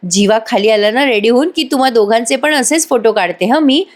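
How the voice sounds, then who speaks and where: A woman's voice: on the high side, brisk, close to an everyday voice. A woman voicing a cheerful, teasing young sister-in-law in a spoken recap of a TV serial.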